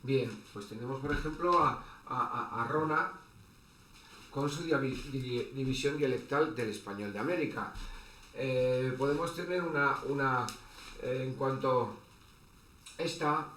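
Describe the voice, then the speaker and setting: A man's voice: medium pitch, pushed and bright. Guy teaching online, lots of ums and restarts, echoey room, faint hiss behind. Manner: halting, many fillers and restarts. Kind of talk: online lecture.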